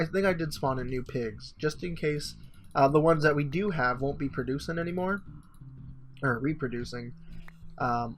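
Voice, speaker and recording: A man's voice: a little high, creaky, a bit bright, a little hiss or hum. A young man talking through a survival game in casual, rambling commentary, his voice a bit stuffy from just waking up, full of ums and little laughs. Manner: rambling, filler-heavy, chuckling. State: morning voice, stuffy sinuses. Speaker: gaming channel host.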